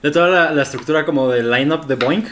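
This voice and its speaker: A man's voice: a little high, quick pace, a bit bright. A young Mexican man with a Mexican Spanish accent, co-hosting a podcast in rambling, self-mocking, slangy banter. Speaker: podcast co-host. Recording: room with music playing.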